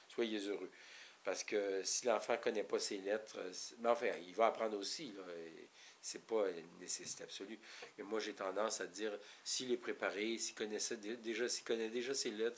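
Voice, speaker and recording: A man's voice: fairly low pitch, slight background noise. A man with a Québécois French accent giving an informal, rambling talk to parents, explaining step by step with frequent restarts. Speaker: parenting educator.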